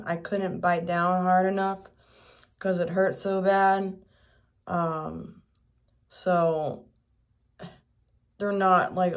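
A young woman vlogging casually while speaking with new dentures, frank and profane as she complains. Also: on the low side. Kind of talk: casual vlog.

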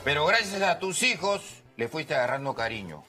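Lively Peruvian talk-show host. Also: male voice, a little high, moderate pace. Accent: Peruvian Spanish. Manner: playful and teasing, bursts into shouts. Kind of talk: comedic talk-show hosting. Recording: studio with music and audience noise.

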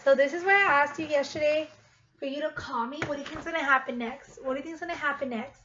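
A woman in her thirties reads aloud to young children as their teacher, repeating questions to them over a webcam at home. Her voice is high-pitched, fast, and sharp in tone. She's indoors in her living room with the webcam at about arm's length, and the sound is dull with clear noise.

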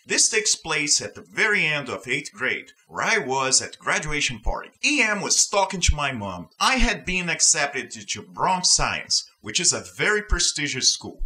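A Brazilian man hosts a scripted reading of online stories, adding emphatic, opinionated commentary of his own. His voice is a little high and bright, with big pitch swings, a forceful tone, a moderate pace and hardly any pauses. The recording quality is low.

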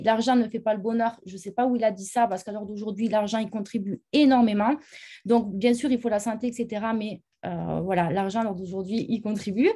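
A woman's voice: mid-range voice, dark tone. A young woman from France giving a personal testimony, talking with lots of hesitant fillers. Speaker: company ambassador. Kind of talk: personal testimony on a live show.

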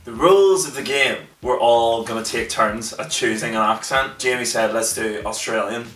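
Brief: young male co-host, upbeat and bright, echoey room, mic set back. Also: mid-range voice, moderate pace, far from the mic, faint music behind. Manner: upbeat, explains the rules. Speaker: member of a music group, co-host. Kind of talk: casual comedy chat.

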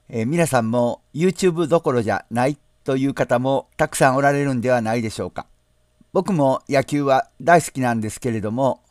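A man from Nara, hosting a screen-share software tutorial in a polite, explanatory way, often pausing on drawn-out asides. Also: mid-range voice, no room sound, studio quality. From Nara, Japan. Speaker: channel host.

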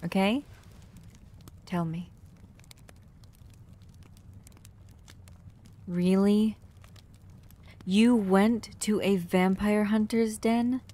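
In an intimate, soft-spoken ASMR roleplay, a woman plays a protective, doting human caretaker of a vampire, often sinking toward a whisper. Her medium-pitched voice sounds upset and stern, with background noise and ambience clearly audible.

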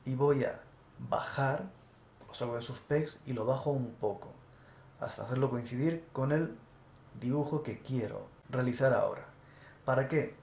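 A man narrates a drawing tutorial step by step, describing each stroke as he makes it. His voice has a gravelly edge at a middle pitch. The recording sounds roomy and echoey, with a faint hiss behind it. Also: unhurried. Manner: calm step-by-step, narrating actions as he draws. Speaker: animation tutor. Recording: echoey room with faint noise.

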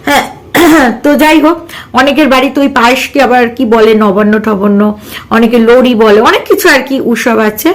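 A woman's voice: on the high side, fairly quick. A woman vlogger talking casually to her viewers, scolding and mocking a rival in a sarcastic, direct way. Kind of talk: casual ranting vlog.

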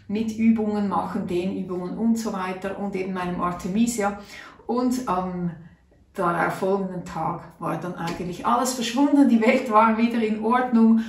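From a table in a small room, a middle-aged Swiss woman who vlogs about natural health tells a personal story to camera, chatty and earnest, acting out her inner thoughts. Her voice is mid-range, and the distant mic makes the recording sound roomy.

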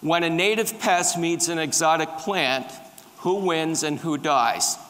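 Middle-aged male lecturer, slightly high voice, engaging, quizzes the crowd; big echoey hall. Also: unhurried, a bit bright. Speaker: conference speaker on tree pests. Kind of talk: lecture with slides. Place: large dark conference hall with a stage. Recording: reverberant conference hall.

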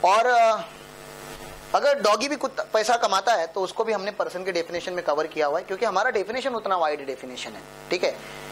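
A man's voice: high-pitched, lively intonation, brisk, a little hiss or hum. A man giving a classroom lecture on tax law to exam students, explaining step by step, checking understanding with frequent tag questions and posing students' questions himself with a joking touch. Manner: playful, poses students' questions himself and jokes. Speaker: tax law teacher for accountancy exams. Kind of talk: classroom lecture mixing Hindi and English.

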